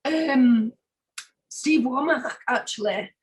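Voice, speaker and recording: A British singer-songwriter being interviewed chats casually in a husky, high-pitched voice, taking it slowly. She's informal and emphatic, often repeating herself for stress.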